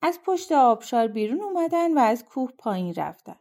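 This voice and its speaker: A woman reading an audiobook of folk tales aloud, in a lively, expressive storybook style. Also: high-pitched. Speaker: audiobook reader. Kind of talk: storybook narration.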